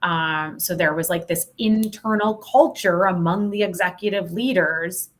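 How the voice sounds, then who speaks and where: Fairly low and even in pitch, a little slow in pace, a sales consultant guesting on a podcast shares work stories. Her storytelling is candid, emphatic and informal, in a conversational interview style.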